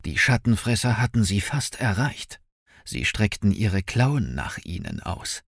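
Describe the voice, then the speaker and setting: A man narrating an audiobook with expressive, dramatic storytelling. His fairly low voice ranges widely in pitch, and the recording is dry and close, with no room sound. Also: a little slow, dry recording.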